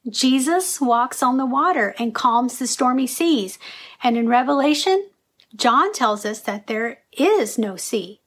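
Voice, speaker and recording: A woman's voice: high-pitched, lively intonation, unhurried, a bit bright, husky. A woman in her thirties from Tennessee, hosting a vlog with scripted commentary in an earnest, lightly humorous teaching tone. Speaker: vlog host.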